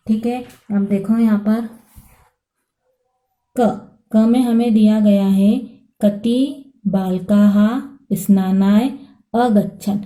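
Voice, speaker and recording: A woman's voice: mid-range voice, warm tone, echoey room. A woman teacher giving a patient Sanskrit lesson to students, explaining step by step and often checking that they follow.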